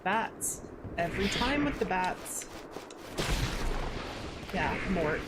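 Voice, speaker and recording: A woman's voice: on the low side, big pitch swings, slow, heavy background noise. A woman with an English accent giving casual, rambling live commentary while streaming a video game. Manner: rambling, reactive, exclaiming at the game. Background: game audio.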